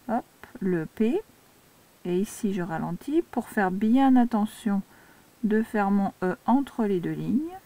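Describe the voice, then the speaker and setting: Une institutrice française qui explique l'écriture cursive à de jeunes élèves, pas à pas et avec patience. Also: female voice, medium pitch, dark tone. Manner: slow, patient step-by-step instruction. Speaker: primary school teacher. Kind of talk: handwriting lesson for young children.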